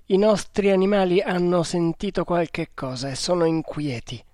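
A man's voice: high-pitched, moderate pace, darkish tone, dry recording, clean studio sound, voice pushed up, lightly acted. A man reading aloud voicing a watchful Indian man on guard, speaking in alert, tense replies in a storybook.

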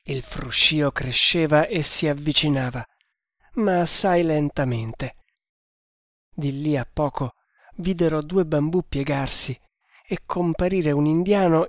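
A man reading an adventure novel aloud as an audiobook narrator, in a measured, suspenseful manner. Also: on the high side, no echo, studio quality.

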